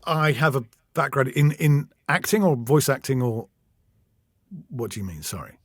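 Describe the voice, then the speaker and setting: A man's voice: mid-range voice, animated, normal speed, no echo. A middle-aged English man, an audiobook narrator chatting in an interview, self-deprecating and full of restarts. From England. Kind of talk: casual interview chat.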